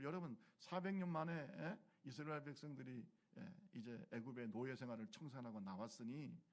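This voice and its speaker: A male pastor preaching a sermon who keeps asking the congregation questions and has them repeat phrases after him, dropping to low murmurs and then rising to loud exclamations. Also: vocal fry.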